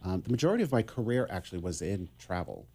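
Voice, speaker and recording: A middle-aged man from Massachusetts, a guest on a radio talk show, speaking in a relaxed, conversational way with many fillers. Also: sits low, quick pace, breathy edge. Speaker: guest, business consultant. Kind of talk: casual radio interview.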